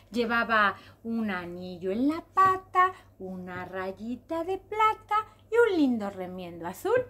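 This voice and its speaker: Woman children's storyteller, high, animated, sing-song delivery. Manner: expressive, repetitive, sing-song.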